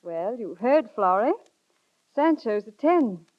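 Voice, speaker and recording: A woman's voice: a little high, very animated, slow. A spirited young woman in love. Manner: spirited, indignant then tender. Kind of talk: 1930s radio drama acting. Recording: dull lo-fi vintage radio broadcast.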